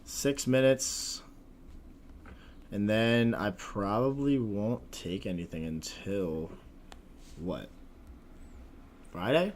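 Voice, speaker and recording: A young man trading forex on a live stream, talking casually in slang with a husky voice like a smoker's, often mumbling and trailing off. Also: fairly low pitch, lively intonation, slow pace, long pauses, darkish tone, slight background noise.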